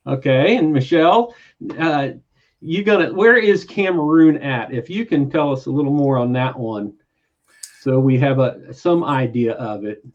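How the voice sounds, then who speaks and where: A man with a country American accent hosts a friendly online chat in a casual interview style. He has a mid-range voice and a measured pace, talks hesitantly with lots of fillers, and the recording sounds muffled.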